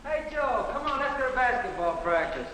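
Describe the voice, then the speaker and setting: High-voiced skeptical 1950s schoolboy. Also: male voice, sing-song, moderate pace. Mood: chummy. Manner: chummy, casual, scripted. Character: casual, skeptical teenage schoolboy friend. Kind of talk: 1950s educational film dialogue. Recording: echoey, noisy 1950s film soundtrack.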